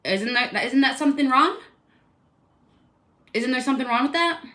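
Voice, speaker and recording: A woman's voice: high-pitched, normal speed, bright, forceful tone. A woman telling a personal complaint story in a casual, rambling, indignant way, full of fillers.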